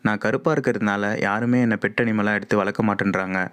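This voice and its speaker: A gloomy, complaining crow from a storybook, read by a man. It speaks in a low, smooth voice, lamenting its lot. The tone stays plaintive throughout. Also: fairly even intonation, fairly quick, fairly bright tone, close to an everyday voice. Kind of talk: storybook reading.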